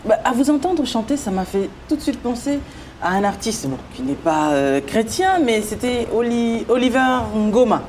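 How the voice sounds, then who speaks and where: A woman's voice: a little high, big pitch swings, normal speed, a little mellow, a little hiss or hum. Lady doing the interview, curious, keeps asking questions and going mhm. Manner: curious, prompting questions with short backchannels. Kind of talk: casual interview chat.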